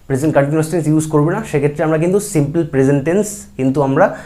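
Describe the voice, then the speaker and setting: A man teaches English grammar in a relaxed, mellow voice that sits slightly high. He fills his explanations with hesitations and slows down to say each English example sentence carefully. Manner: speaks slowly and carefully when giving English example sentences, with many fillers. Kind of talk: explaining grammar in a video lesson.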